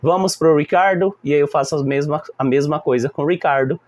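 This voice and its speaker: A man's voice: a little high, fairly quick. A man with a Brazilian Portuguese accent, a teacher explaining a lesson plan to other teachers and acting out how the class talks back. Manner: animated, acting out classroom exchanges. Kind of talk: instructional talk to fellow teachers.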